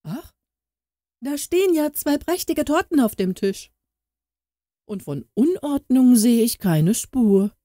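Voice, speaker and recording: A woman's voice: mid-range voice, very animated, brisk, dark tone, no room sound, studio quality, lightly acted. A woman doing a sly old aunt.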